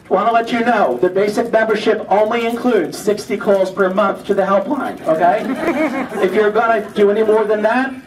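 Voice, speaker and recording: A man acting as emcee, delivering a teasing, off-the-cuff comic monologue to a gathering. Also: high voice. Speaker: auctioneer and event emcee. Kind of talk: joking opening monologue to a gathering. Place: large room at an event, audience behind. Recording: echoey hall, distant mic, audience noise.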